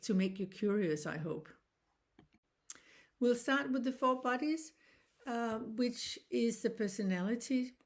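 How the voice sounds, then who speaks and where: A sixty-something woman from Denmark teaches reflexology in an informal online lesson, speaking English as a second language at a medium pitch. Earnest but halting, she keeps restarting her sentences.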